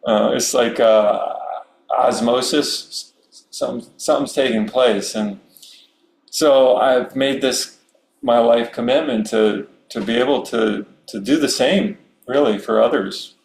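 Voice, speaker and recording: A middle-aged man from Maryland speaking as a Zen priest, giving a relaxed, unhurried Dharma talk with many fillers and soft chuckles. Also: mid-range voice, gravelly. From Maryland, USA. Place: meditation hall. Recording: roomy hall with faint hum.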